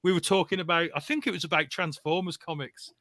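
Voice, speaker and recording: A man's voice: on the high side, steady tone, fast, pushed and bright, dry recording. A man co-hosting a casual podcast chat about comics, talking enthusiastically and laughing often. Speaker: podcast co-host.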